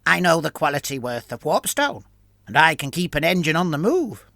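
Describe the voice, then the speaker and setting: A man's voice: on the high side, sing-song, moderate pace, gravelly, bright, forceful tone, no room sound, clean studio sound, heavily acted. A man voicing a curious male ratman soldier who asks questions in clipped, broken grammar. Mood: questioning.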